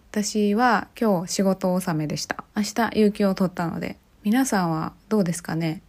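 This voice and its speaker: On her solo podcast, a woman chats in a relaxed way, regularly posing questions to the audience. Her mid-range voice carries vocal fry and a darkish tone.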